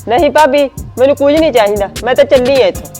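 A woman's voice: sits high, quick pace, mellow, faint music behind, natural voice. A woman playing a sulky, demanding married daughter with an Indian Punjabi accent in a family drama. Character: petulant married daughter, young adult. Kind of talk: amateur village family drama.

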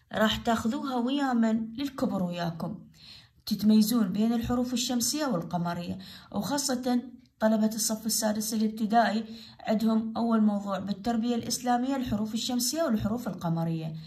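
Iraqi woman teaching a slow grammar lesson. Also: fairly high pitch, a little mellow. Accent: Iraqi Arabic. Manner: slow, repeats each example word for dictation; asks pupils questions and answers them herself. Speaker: primary school Arabic teacher.

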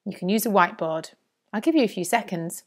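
A woman delivers a scripted lesson for young children. Her voice sits at an average pitch but moves up and down in a lively, singsong way. She speaks as a primary school teacher addressing a class. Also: quick pace.

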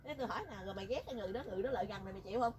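A woman's voice: medium pitch, racing, lo-fi sound, background noise. A woman telling a story in casual chat, teasing and talkative. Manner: chatty, teasing, rural colloquial speech.

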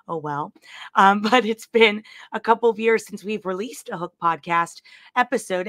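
A woman hosting a live podcast interview, hoarse, chatty and excited, with lots of fillers and restarts. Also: lowish voice, dry recording, studio quality. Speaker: podcast host.

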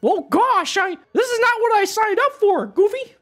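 A man voicing a cheerful, nervous cartoon mouse in a squeaky falsetto. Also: lively intonation, normal speed, a bit bright, faint music behind. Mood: flustered.

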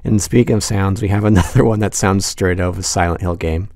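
Deep-voiced man, wry film commentary. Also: steady tone, a little fast, darkish tone, dry recording. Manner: amused, chuckles through lines. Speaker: video essay host.

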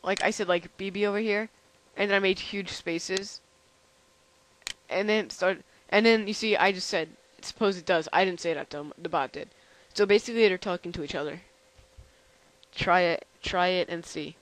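A man's voice: high-pitched, fairly bright tone, rough recording. Tired young man rambling through a demo. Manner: rambling, halting with many fillers. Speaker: channel host. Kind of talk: casual software demo.

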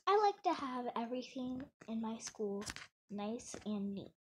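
Slow, chatty young female gamer. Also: a little high, very animated, darkish tone, a little hiss or hum. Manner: chatty, narrates her own actions. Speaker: gamer playing a roleplay game. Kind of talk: casual gameplay commentary.

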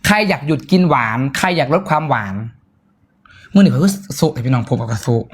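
A man with a northeastern Thai Isan accent giving a loud, excitable live-stream sales pitch, breaking into sudden high squeals. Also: quick pace, husky.

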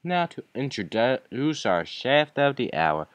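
Brief: rambling old male host, slow, formal speech, put on by a man. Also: medium pitch, sing-song, no room sound, pitched above the performer's own voice.

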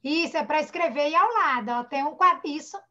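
A woman teacher with a Brazilian accent guides young children through an online class. Her voice is high and bright, and she is patient and tender as she sounds out words syllable by syllable. Everything comes through the dull, muffled audio of a video call. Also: quick pace. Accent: Brazilian Portuguese. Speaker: primary school teacher. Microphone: computer or phone mic on a video call.

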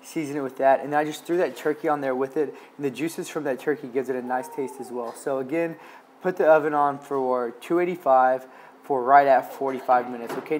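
A man's voice: medium pitch, a little mellow, slight background noise. A young man, a medical student, talking viewers through his grocery shopping and meal prep in a casual, upbeat, instructive vlog, often checking in with "okay?". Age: young adult. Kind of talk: casual how-to vlog narration. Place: home kitchen indoors and grocery store.

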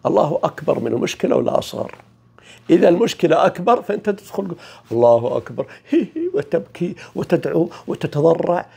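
A man giving an informal spiritual talk, swinging from loud emphasis to near-whispers. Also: high voice, very animated, quick pace, gravelly, slightly rough. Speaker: spiritual teacher.

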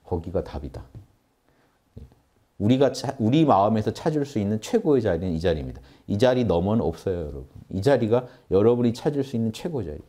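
A man's voice: on the low side, sing-song, fairly quick, warm tone. A man giving an earnest spiritual lecture on meditation, explaining and addressing his audience directly. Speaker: meditation teacher.

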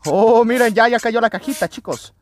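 An excitable man, hosting a let's play video and talking to his viewers as he plays. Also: very high voice, normal speed. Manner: excitable, often addresses viewers as friends. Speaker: gaming channel host.

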